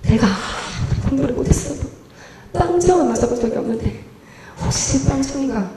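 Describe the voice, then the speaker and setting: A young woman evangelist giving her testimony at a church service, telling the story in an animated way and acting out her own prayers. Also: a little high, a little fast. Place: church sanctuary. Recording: echoey church hall.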